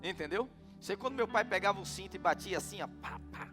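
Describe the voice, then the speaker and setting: A man's voice: sits high, animated, quick pace, long reverb tail, over music. A middle-aged man with a Brazilian Portuguese accent preaching a sermon, telling stories and asking the congregation questions. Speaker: pastor.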